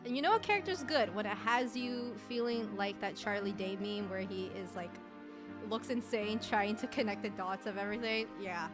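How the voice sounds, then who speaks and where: A woman streamer giving casual, chatty commentary at a year-end awards stream, laughing often. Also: medium pitch.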